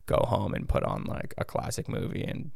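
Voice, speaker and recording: An American man with a raspy vocal fry, chatting casually and ramblingly as a podcast guest. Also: normal speed, darkish tone, no room sound, clean studio sound. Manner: rambling, hedging, self-interrupting. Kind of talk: casual interview chat.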